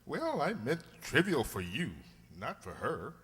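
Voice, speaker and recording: A man playing a genteel, opinionated doctor and loyal companion, polite and expressive, in a radio drama. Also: a little high, measured pace, exaggerated voice. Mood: protesting. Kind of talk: amateur radio drama acting. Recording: long hall-like reverb.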